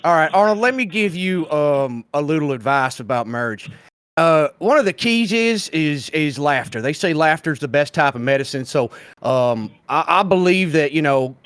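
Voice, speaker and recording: Man doing seventy-something man, rambling, folksy, stammering, slightly high. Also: a bit bright. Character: rambling 76-year-old man, folksy joker.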